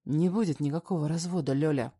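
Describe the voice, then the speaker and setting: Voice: mid-range voice, normal speed, warm tone, natural voice. A reader voicing a brooding, domineering young man who speaks with barely held anger. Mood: furious.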